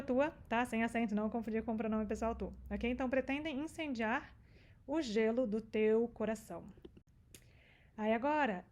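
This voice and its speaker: A Brazilian woman with a slightly high voice explains song lyrics as a teacher. She slows right down to repeat single words, patient and clear about each sound. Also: a little mellow. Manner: patient, repeats words slowly to show pronunciation. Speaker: Spanish teacher.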